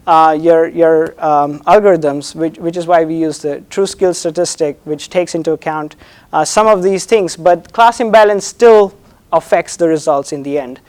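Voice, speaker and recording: A man presenting an academic thesis defense as a doctoral candidate, hesitant and halting, often repeating words and checking in with "right?". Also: a little high, darkish tone.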